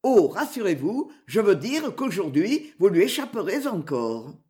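A woman's voice: medium pitch, sing-song, measured pace, warm tone. A woman reading aloud voices a fierce, mocking male outlaw who boasts and threatens. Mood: boastful.

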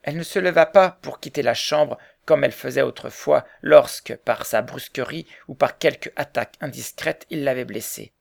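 A male audiobook narrator reads a novel in a calm, even way. His voice is strongly gravelly with a constant creak. His pitch sits in the middle of the male range. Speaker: audiobook reader. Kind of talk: scripted narration.

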